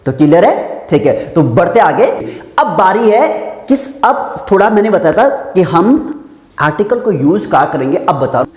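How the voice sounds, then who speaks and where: गूंजते कमरे में पढ़ाता अंग्रेज़ी शिक्षक. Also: male voice, high voice, sing-song, moderate pace, darkish tone. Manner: explains step by step, asks and answers his own questions. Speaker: English grammar teacher. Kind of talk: classroom-style lesson explaining to viewers. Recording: echoey room with long reverb.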